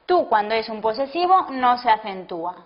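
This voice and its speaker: A woman teaching a language lesson, explaining rules slowly and dictating example sentences word by word. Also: fairly high pitch, sing-song. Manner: slow, deliberate, breaks sentences into single words. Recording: dull lo-fi classroom video audio.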